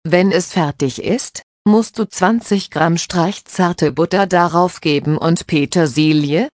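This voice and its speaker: A woman voicing a patient mother who calmly explains cooking steps to her children. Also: on the low side, slow, dry recording, clean studio sound. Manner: calm, instructive.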